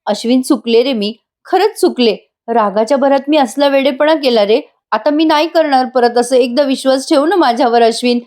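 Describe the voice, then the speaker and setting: A woman's voice: high voice, normal speed, few pauses, darkish tone, pitched above the performer's own voice, lightly acted. A woman voicing a flustered, pleading young wife. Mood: begging. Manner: begging, flustered. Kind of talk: voice-over review re-enacting serial dialogue.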